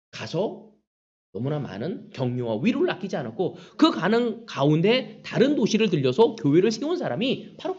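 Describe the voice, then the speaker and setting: A man's voice: sits high, husky, lo-fi sound. A male pastor preaching a sermon, acting out prayers and the taunts of others as he goes. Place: church sanctuary.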